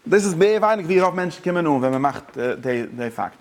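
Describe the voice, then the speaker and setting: A man teaching a Torah lesson, talking excitedly with stumbling restarts and English words mixed in. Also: fairly high pitch, brisk. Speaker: religious teacher.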